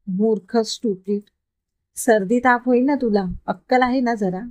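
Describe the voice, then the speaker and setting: Lady reading as a bossy young office girl, sharp scolding voice, dry sound. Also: a little high, a little slow, no echo, natural voice. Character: young woman office worker, bossy, quick-tempered, caring.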